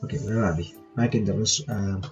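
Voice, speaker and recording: Reading a visual novel's text aloud and reacting informally between lines, this reaction channel host speaks in a lowish voice at a fairly quick pace. Music plays in the background. The audio from his home mic is muffled and lo-fi, with faint noise.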